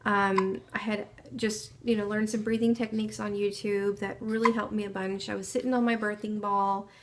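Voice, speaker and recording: A young woman telling the story of her baby's home birth in a casual, soft-spoken way, with many pauses and fillers. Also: mid-range voice, flat delivery, noisy background.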